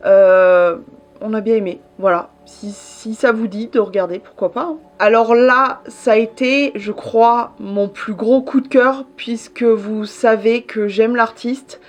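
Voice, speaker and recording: A woman's voice: a little high, fairly even intonation, measured pace. Chatty French-speaking woman vlogger. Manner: chatty, many fillers and restarts. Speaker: YouTuber reviewing series. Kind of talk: casual chat to camera.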